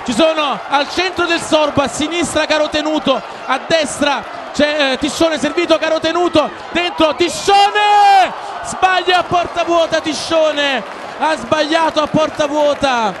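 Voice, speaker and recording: A man giving breathless goal commentary live on a football match, shouting excitedly and repeating players' names. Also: very high-pitched, normal speed. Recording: loud stadium crowd noise behind commentary. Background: cheering football stadium crowd.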